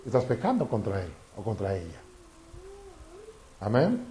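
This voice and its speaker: A man's voice: lowish voice, unhurried, a little hiss or hum. A man preaching a sermon, often asking the congregation questions. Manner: animated, asks the congregation questions.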